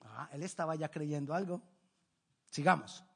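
Male preacher, high and husky, reading scripture and asking his own questions. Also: moderate pace. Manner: reads scripture aloud, then asks and answers questions. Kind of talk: sermon with Bible reading.

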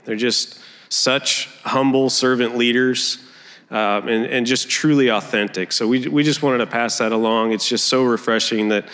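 A man speaking as a church elder, informally sharing reflections with a congregation in a halting way. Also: mid-range voice, steady tone, fairly bright tone, smooth. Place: large indoor church gathering room. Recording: reverberant hall, amplified speech.

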